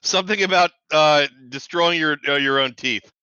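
A man making quiet, teasing asides to a drunk friend telling a story. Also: a little high, moderate pace, clear, resonant tone, dull audio. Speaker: companion. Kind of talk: casual chat.

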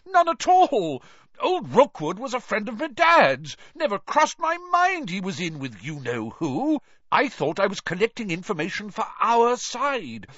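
A man's voice: sits high, wildly swooping pitch, measured pace, fairly bright tone, dry recording, pitched above the performer's own voice, full character voice. A man voicing an earnest, chatty former sports star in a storybook reading, recorded dull and dry.

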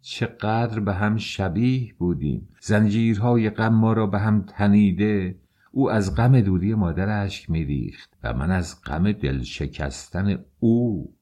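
A man reading an audiobook, narrating in a measured way that slows on sad passages. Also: fairly low pitch, warm tone. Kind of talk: scripted narration.

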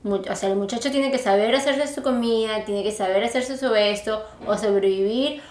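Woman, casual co-host, emphatic and expressive, roomy echoey sound. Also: fairly high pitch, normal speed, a little hiss or hum. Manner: lively, expressive, emphatic storyteller. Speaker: podcast co-host. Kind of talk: casual chat. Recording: echoey room.

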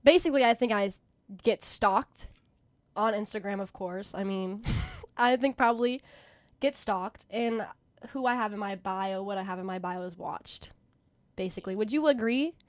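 A young woman co-hosting a podcast, telling a story in casual chat, animated and full of "basically" and "like". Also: medium pitch, moderate pace, no echo. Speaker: podcast co-host.

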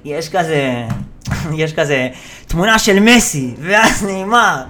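A man's voice: on the high side, expressive, pushed and bright. A man hosting a solo podcast, ranting casually and animatedly about football, with many hesitations and fillers. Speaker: podcast host.

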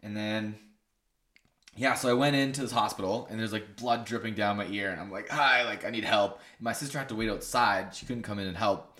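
A man's voice: fairly low pitch, fairly even intonation, a little fast, fairly bright tone. A young man hosting a podcast, telling a story in a rambling, joking way with lots of fillers. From Canada. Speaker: podcast host. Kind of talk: casual chat.

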